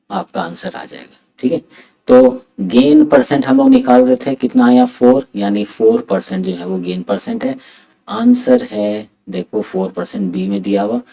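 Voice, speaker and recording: Male math teacher, exam-prep lecture, deliberately quiet delivery, lively up-and-down pitch. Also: creaky, rough recording. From India. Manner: speaks softly on purpose, mixing Hindi and English. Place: room at home late at night.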